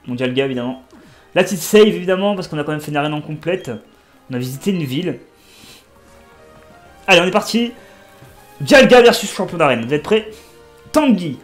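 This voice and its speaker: A man in his twenties giving casual, excitable commentary while playing a video game and talking to his viewers. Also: on the high side. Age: 20s. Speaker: let's play streamer.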